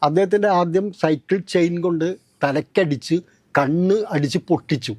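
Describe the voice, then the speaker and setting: A man hosting a political discussion, explaining at length in a measured way. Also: on the high side, a little mellow, no echo. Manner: measured and explanatory, with long recounting turns. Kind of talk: political analysis talk.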